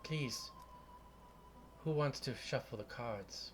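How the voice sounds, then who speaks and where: A man voicing a hunched old crone fortune teller, an old hag with a crackly voice and slow, ominous, cryptic delivery. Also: mid-range voice, close to an everyday voice. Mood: cryptic, sympathetic.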